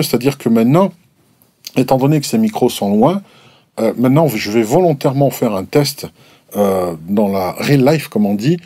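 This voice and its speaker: A man's voice: mid-range voice, dark tone, husky, no echo. A man reviewing microphones in a casual, explanatory way, hesitant and full of restarts and fillers. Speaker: gear reviewer. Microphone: desk microphones at a distance, switched between.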